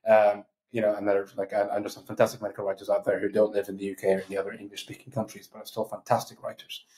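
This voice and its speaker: A man from Iraq, a medical writer, answering viewer questions in a chatty, relaxed way on a live webinar over a video call. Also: fairly low pitch, rapid-fire, poor audio. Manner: chatty, relaxed, frequent fillers and asides.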